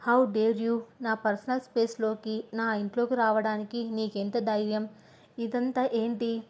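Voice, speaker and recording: A stern young male police officer, suspicious and cutting, as a woman narrator reads him. His lines come out harsh and sarcastic, in a fairly high, level voice that barely rises or falls. It is told as an audio story. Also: level tone, unhurried, darkish tone, lightly acted.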